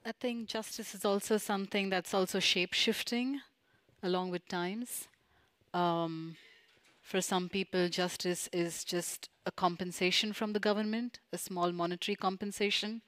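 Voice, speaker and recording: A woman on a panel, sharing a calm and reflective view. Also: medium pitch, normal speed, dry recording.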